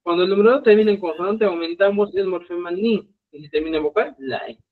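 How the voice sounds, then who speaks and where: A man's voice: sits high, quick pace. A man teaching a live Quechua language lesson, explaining step by step and checking in with his students. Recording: tinny phone-like live stream audio.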